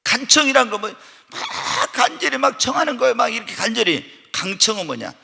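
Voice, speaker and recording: A pastor preaching a Wednesday night church sermon, animated and full of rhetorical questions put to the congregation, sometimes bursting into loud shouted emphasis. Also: male voice, very high voice, fairly quick, gravelly, breathy edge. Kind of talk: Korean evening church sermon. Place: church sanctuary during a Wednesday night service. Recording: long church-hall reverb.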